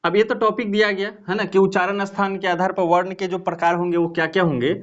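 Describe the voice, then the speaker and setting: A man's voice: high-pitched, flat delivery, fast, lo-fi sound. A man teaching a Hindi grammar lesson to students, patiently asking the class rhetorical questions as he explains.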